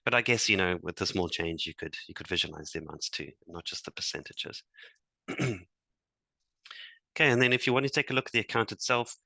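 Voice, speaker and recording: A man presenting a software demo to fellow engineers, talking hesitantly with many fillers and restarts. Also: deep voice, creaky, no room sound. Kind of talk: technical demo talk.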